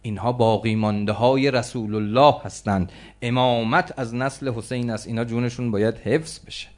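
A male preacher tells a religious story as a sermon. His mid-pitched voice swings from hushed, quick passages to loud, ringing outbursts. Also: steady tone. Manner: dramatic, swings between hushed and loud exclamations.

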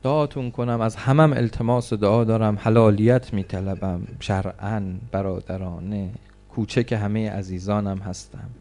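A man's voice: on the low side, fairly even intonation, mellow. A man preaching a religious mourning sermon, reciting a lament with impassioned delivery.

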